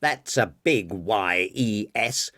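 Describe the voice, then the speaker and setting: A man's voice: lowish voice, expressive, takes it slowly, bright, forceful tone, no room sound, studio quality, full character voice. A man doing a worried but assertive husband. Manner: assertive, hiding worry.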